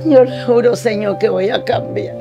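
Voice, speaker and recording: A woman's voice: high-pitched, very animated, measured pace, creaky, lo-fi sound, exaggerated voice. An actress playing a remorseful mother who drinks and begs her son not to leave her, over background music. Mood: sobbing. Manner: pleading, sobbing.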